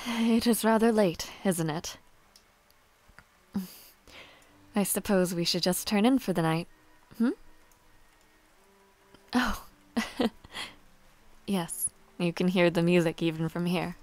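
In a romantic audio roleplay, a woman plays a young noble villainess who is proud yet shy and tender, speaking softly in formal, halting phrases. Her low-leaning voice has a shy, gentle mood, with no room sound.

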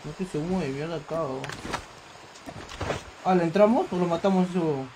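Excitable high-voiced Peruvian gamer man. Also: moderate pace. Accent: Peruvian Spanish. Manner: excitable, swears, calls teammates "papi". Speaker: game streamer. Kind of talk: casual gaming livestream chat. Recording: gunfire and game noise behind. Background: loud video game gunfire.

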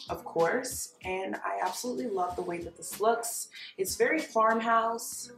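Young woman vlogger gushing over a makeover reveal, chatty, echoey room, bit of music behind. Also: on the low side. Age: young adult. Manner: gushing, enthusiastic about finds. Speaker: home decor vlogger. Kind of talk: casual chat to camera, home makeover reveal. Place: small dining room at home, indoors. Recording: roomy echo, faint music behind.

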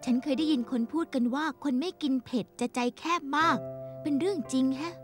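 A woman's voice: high-pitched, a little fast, soft background music, lightly acted. A woman voicing a nosy, teasing friend. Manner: teasing, prying. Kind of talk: Thai drama dubbing.

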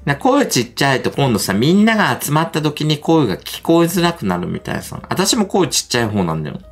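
A middle-aged man livestreaming casual chat, gossipy and quick to laugh. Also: a little high, breathy edge, soft background music. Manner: animated, gossipy, laughs often.

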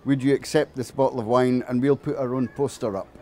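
A man's voice: mid-range voice, steady tone, fairly quick, a little mellow. A man speaking in a casual outdoor interview as a local resident, plain-spoken and matter-of-fact.

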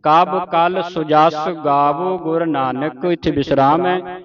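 Male recitation teacher, slow and careful, slightly raised pitch, dull audio with a group repeating in the back. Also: fairly even intonation, crowd noise. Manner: slow, syllable-by-syllable recitation with pronunciation corrections. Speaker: gurbani teacher. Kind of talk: santhya recitation lesson. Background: a group of students repeating the words.

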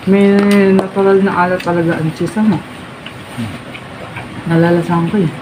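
A woman food vlogger talking while chewing as she tastes and comments in a relaxed, chatty way. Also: fairly low pitch, a little fast, noisy background. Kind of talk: casual food review vlog.

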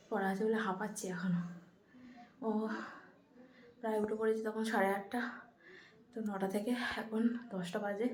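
Soft-spoken woman vlogging at home. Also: mid-range voice. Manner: speaks softly and quietly after a workout. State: tired after exercise. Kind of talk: casual daily vlog narration. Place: home kitchen. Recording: echoey room with loud household noise.

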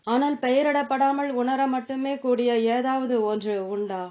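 An earnest seeker asking about the mind and the self, voiced by a woman reader. The questions come in a plain, even way with a warm, relaxed tone. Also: sits high, a little slow, pitched above the performer's own voice. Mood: questioning.

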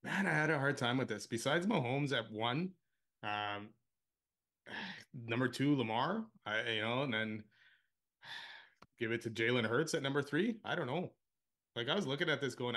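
A man's voice: mid-range voice, moderate pace, a bit bright. A man co-hosting a casual sports podcast, easygoing and often hesitant as he thinks aloud. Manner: easygoing, hesitant with many uh fillers. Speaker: podcast co-host.

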